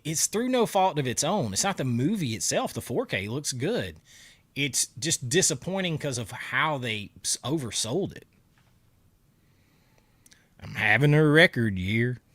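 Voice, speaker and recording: Talking around a cough drop, a man hosts a laid-back livestream, laughing and responding to viewer comments. His mid-range, fairly bright voice sounds nasal from congestion, as he's dealing with a stuffy nose and sore throat, and the recording carries no room sound.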